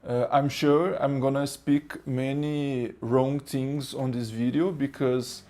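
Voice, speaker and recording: Speaking to camera in English, his second language, a spiritual teacher with a Brazilian Portuguese accent halts and searches for words. His voice is medium-pitched with a darkish tone and little pitch movement.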